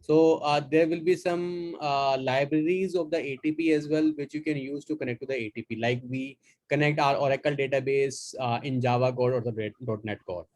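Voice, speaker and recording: A man instructing an online class, explaining software steps at a relaxed pace with fillers. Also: medium pitch, a little fast. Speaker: course instructor. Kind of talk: live online class walkthrough.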